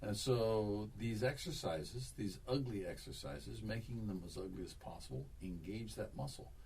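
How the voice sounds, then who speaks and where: A man's voice: lowish voice, moderate pace, darkish tone, distant mic, slight background noise. A man giving a one-on-one singing lesson, coaching and demonstrating exercises, repeating himself as he explains. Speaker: voice teacher.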